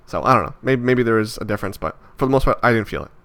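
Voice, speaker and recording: His mid-range, fairly bright voice races along expressively as this twenty-something vlogger muses aloud. The casual, reflective monologue is hesitant and rambling, full of fillers and restarts.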